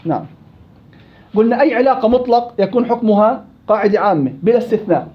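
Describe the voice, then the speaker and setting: A man teaching a classroom tajweed lesson, quizzing his students with quick questions. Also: high-pitched, expressive, slightly rough. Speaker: Quran recitation teacher. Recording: dull lo-fi classroom recording.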